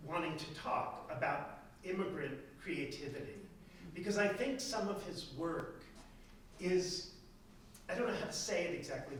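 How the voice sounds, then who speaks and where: This art history professor sounds a little high and a bit bright as he chats informally in response to an audience remark, meandering and restarting as he goes. He is recorded from a distance in a reverberant hall, and there's slight hiss or hum.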